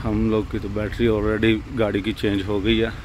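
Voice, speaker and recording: A man's voice: on the low side, completely flat delivery, moderate pace, background noise. A young man vlogging casually at night by a roadside, showing things to the viewer on a handheld phone. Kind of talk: casual vlog narration.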